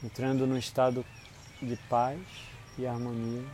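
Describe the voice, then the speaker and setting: A Brazilian man guides a relaxation in a dark, mellow voice of medium pitch. His delivery is soothing and unhurried, with short phrases set apart by long pauses. A light bed of insect and nature noise runs behind him. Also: monotone. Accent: Brazilian Portuguese. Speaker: guided meditation instructor. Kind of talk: guided body-scan relaxation.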